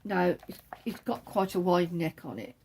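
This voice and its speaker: A woman's voice: lowish voice, lively intonation, moderate pace, darkish tone, slightly rough. A woman hosting a knitting podcast, chatting casually as she shows patterns from a book, rambling and correcting herself as she goes.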